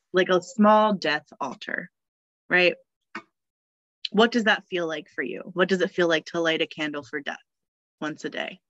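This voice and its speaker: Woman, cheerful and chatty podcast guest, bright and forceful voice, dry dull recording. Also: lowish voice, no echo. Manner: chatty, cheerful, laughs often, many fillers. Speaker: podcast guest, death midwife. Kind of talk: casual podcast conversation.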